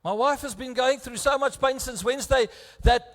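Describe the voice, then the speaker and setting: Emotional South African pastor in a hall. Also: male voice, very high-pitched, moderate pace. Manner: emotional, earnest, swings between hushed and raised. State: close to tears. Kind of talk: bilingual sermon. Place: church. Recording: echoey church hall.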